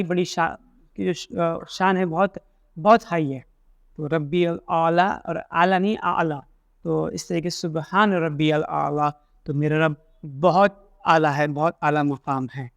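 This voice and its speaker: A man giving an instructional lesson on correcting mistakes in prayer, explaining step by step and slowly demonstrating recitations. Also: a little high, clear, resonant tone, no echo, clean studio sound. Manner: explanatory, repeats points, many restarts. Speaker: religious teacher.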